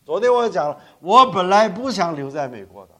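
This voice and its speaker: An older man, raised in Korea, preaches an animated sermon in a somewhat high voice. He tells stories, keeps correcting himself mid-sentence and mixes English words into his talk. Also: a little fast. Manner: animated storytelling with frequent self-corrections and code-switching to English. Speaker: pastor.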